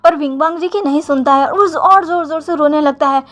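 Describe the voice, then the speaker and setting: High-voiced woman retelling a story. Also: a little fast, a bit bright. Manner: casual, chatty retelling with acted dialogue. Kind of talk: retelling a fan fiction story.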